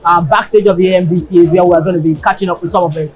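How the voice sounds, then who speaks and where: A Nigerian man reports live from an awards red carpet. He is halting and repeats words as he goes, with faint music behind him. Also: sits high, fairly even intonation. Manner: hesitant, repetitive, halting delivery. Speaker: TV entertainment reporter. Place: indoor red carpet backdrop at an awards show.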